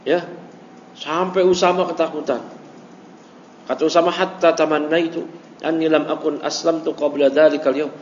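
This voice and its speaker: A man's voice: fairly high pitch, little pitch movement, moderate pace, long pauses. A male religious teacher giving a study lecture, reading Arabic text and explaining it in casual speech, acting out quoted dialogue. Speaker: ustadz teaching a classical text. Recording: echoey hall, dull lo-fi audio, faint hiss.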